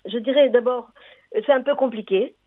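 A woman's voice: fairly high pitch, normal speed. An older woman calling in to a radio show over the phone, hesitant and often restarting as she gives cooking advice. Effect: phone line. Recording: tinny phone line.

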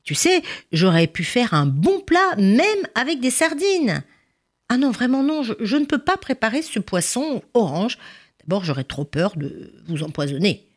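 A woman's voice: medium pitch, very animated, normal speed. A woman voicing a fretful housewife in a told story who scolds and complains fussily. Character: client's wife, fretful, disgusted housewife.

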